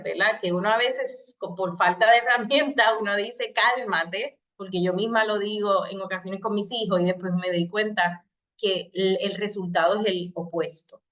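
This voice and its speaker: Puerto Rican woman lecturing, calm and explanatory. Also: medium pitch. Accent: Puerto Rican Spanish. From Puerto Rico. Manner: explanatory, speaks in first person, acts out short example phrases. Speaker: psychologist giving a training session. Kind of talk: recorded lecture on crisis communication.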